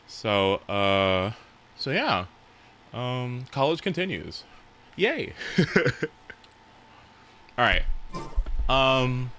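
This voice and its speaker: During a game livestream, a young adult man talks casually in a medium-pitched voice with a bright, forceful tone, rambling loosely and cursing without restraint. Slight background noise can be heard.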